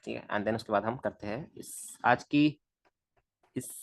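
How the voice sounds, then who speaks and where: A man's voice: lowish voice, a little slow, vocal fry. A man teaching a live online physics class, chatting to his students and muttering to himself while he draws.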